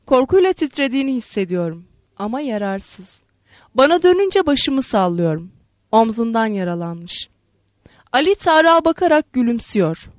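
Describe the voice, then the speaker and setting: A woman reads a literary novel aloud, measured and expressive. Her voice sits fairly high. The recording is dry and close, with no room sound. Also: no room sound. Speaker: narrator. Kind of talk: literary audiobook narration.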